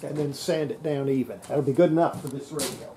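Fairly quick and fairly even in intonation, a medium-pitched voice belongs to an older radio repairer walking through a restoration at his workshop bench. His hands-on talk is casual and folksy, recorded on noisy camera audio with clicks.

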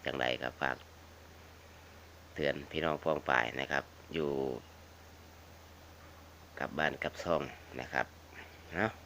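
A man's voice: a bass voice, fairly bright tone, a little hiss or hum. A man with a northeastern Thai Isan accent chatting casually and repetitively to viewers as a folksy vlog host, addressing them like family. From northeastern Thailand (Isan). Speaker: video channel host. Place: outdoors around a house.

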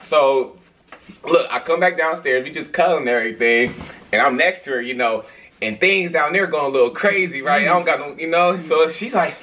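A man's voice: on the high side, moderate pace, pushed and bright. A young man chatting casually and telling joking stories in a slangy, rambling, giggly way, recorded in a home room. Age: young adult. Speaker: challenge video host. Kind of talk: casual joking chat and storytelling. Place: small bedroom, indoors.

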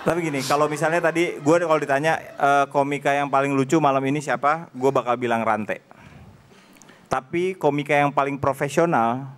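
Judge praising a comic. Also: male voice, medium pitch, fairly even intonation, brisk, a bit bright. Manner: casual, earnest praise. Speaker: comedy competition judge. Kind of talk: giving feedback to a comedian.

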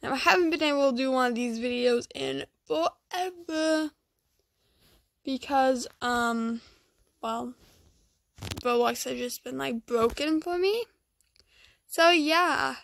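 A young woman chatting casually as she hosts gameplay, keeping quiet because others are asleep, tired and dry-throated from just waking up. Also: high-pitched, takes it slowly, vocal fry, long pauses, no echo. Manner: quiet, hushed, so as not to wake someone asleep. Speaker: gaming vlog host. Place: indoors at home.

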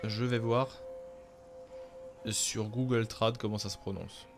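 A man's voice: lowish voice, steady tone, slow pace, over music. A man streaming a game, chatting casually with viewers and cracking self-mocking jokes. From France. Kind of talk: casual gameplay commentary.

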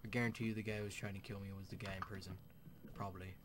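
Keyboard clicks and typing, plus background noise, sit under this young man's lowish voice. As a gaming YouTuber, he fires off crude jokes rapidly with little pitch movement, swearing often and slipping into whispers.

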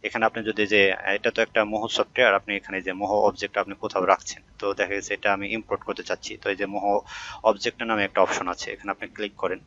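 Fast-talking man explaining software. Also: lowish voice, level tone, highs cut off, slight background noise. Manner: conversational, many hesitation fillers, addresses viewer directly. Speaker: software tutorial instructor. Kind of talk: screen-recorded software tutorial.

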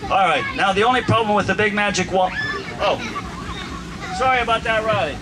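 High-voiced man, playful kids party magician. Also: brisk. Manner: playful showman, exclaims with mock amazement. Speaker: children's magician and musician, host of the show. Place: outdoor park lawn under trees. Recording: outdoor PA, music and crowd noise behind.

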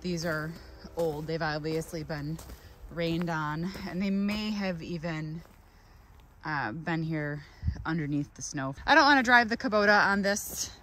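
A low-pitched, unhurried woman's voice with a fairly bright tone comes through a handheld phone camera, carrying a little hiss or hum. She's in her thirties, a flower farmer narrating a casual vlog outdoors on her cold farm and partly in a car. Her talk is chatty and self-correcting, as if thinking out loud.

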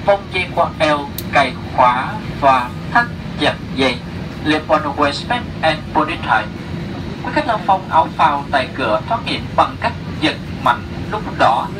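A man's voice: on the high side, animated, moderate pace. Vietnamese man's flight safety demo over noisy cabin PA. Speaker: flight attendant making cabin announcement. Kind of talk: flight safety demo announcement, scripted and bilingual. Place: inside an airliner cabin. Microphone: cabin PA picked up by distant camera. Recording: noisy aircraft cabin PA, distant. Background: loud aircraft ambience.

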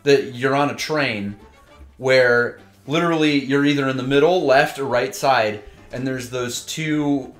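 Podcast co-host, man, middle pitch, excited and rambling, roomy sound. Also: unhurried, soft background music. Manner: enthusiastic, rambling. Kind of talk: casual chat about games.

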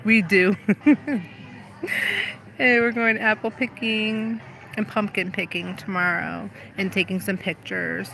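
A woman's voice: mid-range voice, fairly even intonation, slow pace, vocal fry, sharp tone, rough recording. A woman in her thirties, chatting casually in a live vlog and answering viewers on her phone, outdoors at a vineyard. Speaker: vlogger. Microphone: phone held at arm's length. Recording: pop music playing outdoors behind. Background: pop music.

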